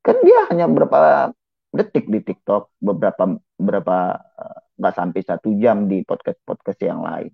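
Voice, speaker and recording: Seorang pria yang ikut diskusi daring, terdengar lewat sambungan telepon, berbicara santai dengan banyak jeda dan kata pengisi. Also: male voice, fairly low pitch, very animated, normal speed, gravelly, husky, no echo. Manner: hesitant, many fillers and restarts. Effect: heard over a phone line. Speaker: participant in an online group discussion. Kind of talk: casual opinion sharing. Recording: dry, tinny phone-line sound.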